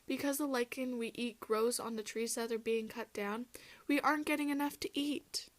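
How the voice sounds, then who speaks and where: A woman's voice: on the high side, fairly even intonation, moderate pace, lightly acted. A woman voicing a chatty hybrid caribou-camel-fish creature who tells her own story straight to the listener, like storybook narration. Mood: earnest. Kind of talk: first-person storybook narration.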